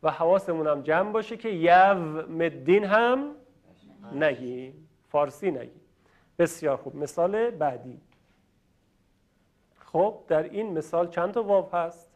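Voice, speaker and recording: A man's voice: a little high, animated, pauses often. A man from Iran teaching Quran recitation in a lesson, patiently demonstrating how sounds are made and asking viewers to repeat after him. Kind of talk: classroom-style lesson. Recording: dull lo-fi recording.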